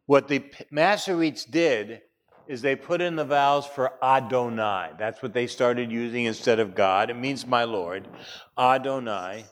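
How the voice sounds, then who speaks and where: A man's voice: mid-range voice, measured pace. A man teaching a class, chatty, with wry asides and frequent fillers. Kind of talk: classroom lecture.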